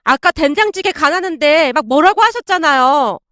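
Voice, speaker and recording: A woman's voice: sits high, animated, moderate pace, a bit bright, no echo, studio quality. A woman voicing a scheming young wife who accuses her mother-in-law in whiny, polite speech. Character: scheming two-faced young wife, falsely tearful.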